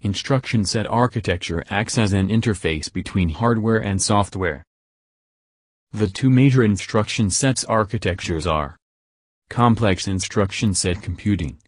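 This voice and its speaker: A man giving scripted educational narration in a measured, even reading style, slowing down for list items. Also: on the low side, no echo, clean studio sound.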